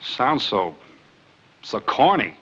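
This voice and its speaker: An actor playing a wry, easygoing theatre director and husband, from a 1940s film soundtrack. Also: male voice, medium pitch, sing-song, slow, a bit bright, breathy edge, heavily acted. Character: theatre director and husband, young adult man. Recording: dull 1940s film soundtrack with faint hiss.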